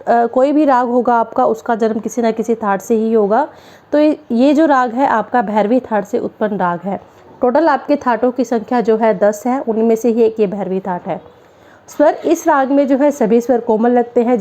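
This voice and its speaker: Mellow and a little high-pitched, a Haryana woman teaches music theory as if in a classroom. Term by term, she explains each concept with plain, simple definitions.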